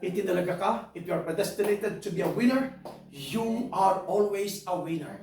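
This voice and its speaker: High-voiced, emphatic preacher in an echoey hall. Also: male voice, normal speed. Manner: emphatic, keeps asking the congregation "right?", bursts into high shouts. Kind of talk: sermon. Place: church hall. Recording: echoey hall, voice far from the mic.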